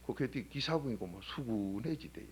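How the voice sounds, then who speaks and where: Male pastor, sermon, husky voice, lively up-and-down pitch, rhetorical questions, loud then hushed. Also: a little fast. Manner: swings between loud exhortation and low, quiet asides. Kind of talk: early-morning sermon. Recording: 1997 church sermon recording.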